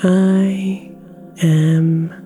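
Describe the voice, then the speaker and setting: A woman guiding a sleep meditation with affirmations, speaking softly and slipping into whispers, over soft music in the background. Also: lowish voice, level tone. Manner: slow, soft-spoken, drifting into whispers. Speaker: meditation guide.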